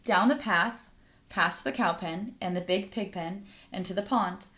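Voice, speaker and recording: Bright and forceful, this medium-pitched female voice belongs to a storyteller sharing a picture book with young children. She addresses them directly, stopping now and then to pose questions.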